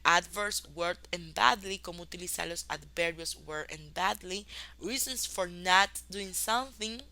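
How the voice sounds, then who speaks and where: Woman teacher, clear bright tone, patient review of course modules. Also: fairly low pitch. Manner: explains in Spanish, slowly models English examples. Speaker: English teacher. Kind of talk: online class review.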